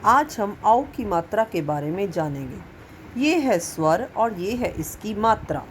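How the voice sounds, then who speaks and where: A woman teaching a Hindi lesson, sounding out each syllable slowly and stressing the examples. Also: mid-range voice, expressive, slight background noise, low-quality recording. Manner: drawn-out sounding of vowels, emphatic on examples. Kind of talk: slow classroom lesson.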